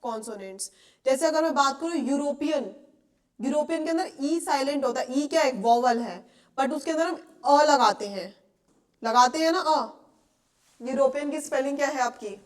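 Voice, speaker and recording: High-voiced Indian woman teaching English. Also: moderate pace. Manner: explains patiently, asks checking questions often. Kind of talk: classroom lecture.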